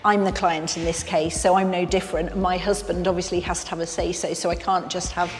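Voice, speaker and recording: A middle-aged interior designer talks about her ideas in a lively, chatty way. Her voice is a little low for a woman and carries long hall reverb, with faint music underneath. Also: brisk. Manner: enthusiastic and chatty. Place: large bare room with high ceiling.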